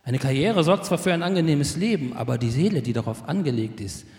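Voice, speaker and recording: Man, sermon, conversational, emphatic peaks, higher pitch, roomy echo, long reverb. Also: animated, brisk, darkish tone. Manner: conversational, keeps adding "ne?", builds to raised emphatic passages. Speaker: preacher. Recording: echoey hall with long reverb.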